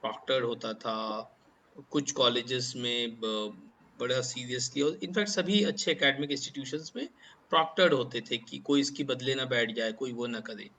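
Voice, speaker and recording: Bright, forceful male interviewer. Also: mid-range voice, fairly even intonation, normal speed. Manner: polite, deferential, addresses guest as sir. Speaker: host. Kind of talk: interview questions.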